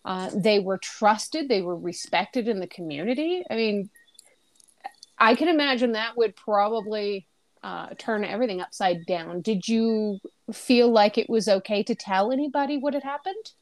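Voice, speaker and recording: A woman's voice: mid-range voice, animated, moderate pace. A woman hosting an interview show, enthusiastic and encouraging toward her guest. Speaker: podcast host.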